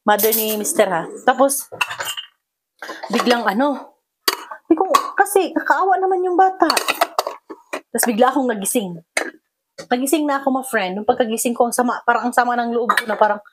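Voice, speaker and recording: A Filipino-accented woman tells a dream story in a loose, casual vlog. She fills her talk with fillers and drifts into English phrases, and her pitch jumps up when she acts out her own quoted lines. Soft clinks of dishes and cutlery sit faintly behind her. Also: brisk, long pauses, background noise. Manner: many fillers and code-switching into English phrases. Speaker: vlogger.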